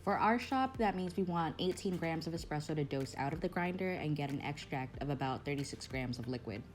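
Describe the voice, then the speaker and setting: A woman's voice: sits low, animated, fairly quick, faint music behind. A young woman narrating a casual vlog as a barista, chatty and slangy, often joking about herself. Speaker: barista vlogger.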